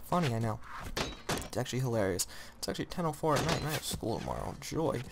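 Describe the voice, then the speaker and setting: A teenage boy narrates his own gameplay in a rambling, excitable way, constantly restarting and correcting his sentences. His voice sits at an ordinary middle pitch. A faint hiss of noise sits under the recording. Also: quick pace, creaky. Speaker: gamer. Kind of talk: let's play commentary.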